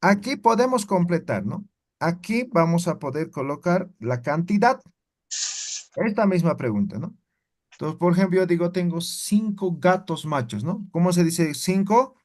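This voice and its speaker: A man's voice: sits high, animated, normal speed. A man teaching a language class, explaining step by step and checking in with his students again and again. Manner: explains patiently, keeps checking with "¿no ve?".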